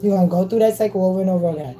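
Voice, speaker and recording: A woman's voice: fairly low pitch, very fast, dark tone, soft background music, rough recording. A woman giving a casual motivational spiritual talk into her phone camera, emphatic and slangy, checking in with listeners with a constant "okay?". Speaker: spiritual reader.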